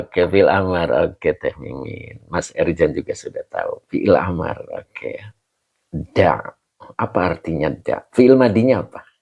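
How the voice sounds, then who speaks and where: A very deep, gravelly man's voice, with a husky edge and a lively, swooping pitch. He leads a relaxed online class at an unhurried pace, chatting with students by name and laughing easily. It comes through a video-call mic. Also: highs cut off. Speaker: religious teacher.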